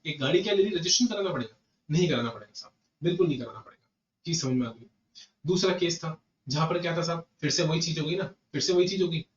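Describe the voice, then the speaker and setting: An Indian man giving a classroom lecture to students, repeating each point and talking to them directly in an animated way. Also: on the high side. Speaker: GST lecturer. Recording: echoey room, distant muffled mic.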